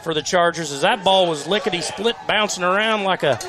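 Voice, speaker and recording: A man giving color commentary on a high school football game in a folksy, chatty way with homespun sayings. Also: brisk. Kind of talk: live sports commentary.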